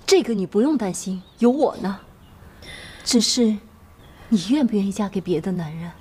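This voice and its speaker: Actress doing a soothing, sly middle-aged wife, mid pitch. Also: female voice, animated, normal speed, darkish tone, slight background noise, natural voice. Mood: scheming. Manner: soothing, scheming. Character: shrewd motherly official's wife. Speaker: official's wife, godmother. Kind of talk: TV drama acting.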